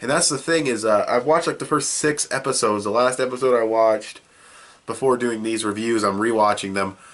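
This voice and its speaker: At normal speed and medium pitch, a young man with a slightly bright voice reviews a show on video while sniffling from a cold. He's casual and offhand, rambling with many fillers and restarts.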